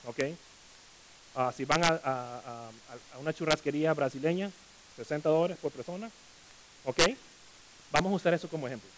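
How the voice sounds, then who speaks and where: A man preaching a sermon as pastor, lively with comic asides and acted-out quotes. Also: fairly high pitch, moderate pace, pauses often, background noise.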